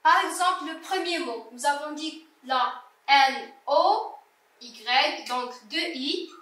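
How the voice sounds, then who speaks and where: A woman's voice: high voice, lively intonation, slow pace, bright, forceful tone. A woman teaching a primary school French reading lesson, patiently sounding out words syllable by syllable for young children. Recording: echoey room, voice from a distance.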